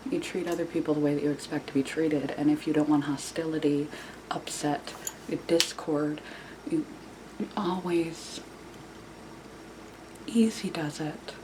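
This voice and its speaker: Female vlogger, hushed and quiet as if not to wake anyone, flat low delivery, informal advice, noisy room recording. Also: normal speed. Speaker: video channel host. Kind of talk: casual self-help vlog, informal advice talk.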